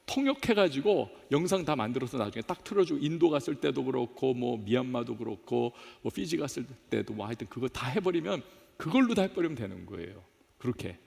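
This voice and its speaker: A male pastor preaching a sermon in a church, animated, climbing to emphatic peaks and then falling low. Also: creaky. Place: church sanctuary. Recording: long church hall reverb.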